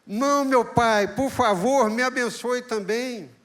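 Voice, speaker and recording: A man voicing a desperate grown son who begs his father for a blessing in a high, strained, near-tearful voice. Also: slow pace, a bit bright, heavily acted. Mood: pleading.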